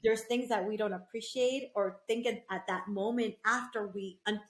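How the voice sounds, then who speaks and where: Excited woman in an echoey room. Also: mid-range voice, normal speed. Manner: excited, animated interjections. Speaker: host. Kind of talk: casual podcast conversation.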